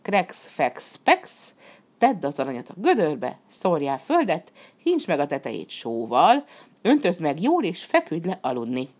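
A woman voicing a sly, flattering female fox in a storybook reading, with a sweet, wheedling, drawn-out way of talking. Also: low-pitched, heavily acted.

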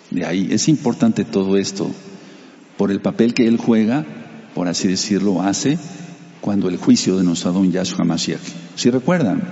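A man's voice: low voice, mellow, in a large hall, lo-fi sound. A man preaching a sermon, reading scripture aloud and explaining it to the congregation, using Hebrew terms for sacred names. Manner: reads scripture then explains it, addressing the congregation.

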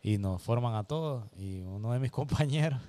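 Man, mid-pitch, slangy animated storyteller. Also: normal speed. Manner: animated anecdote telling with slang. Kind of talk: casual storytelling.

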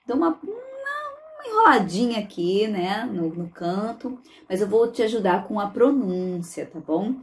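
A woman teaching how to sing English songs in Portuguese. She talks in a chatty way, often adds "tá bom?", and stretches the lyric words out slowly to model them. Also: medium pitch, mellow, slight background noise. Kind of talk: song pronunciation lesson.

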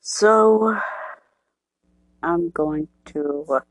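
Slow husky podcast host just rambling along, dry close sound. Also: mid-range voice, dry recording, poor audio. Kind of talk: casual chat.

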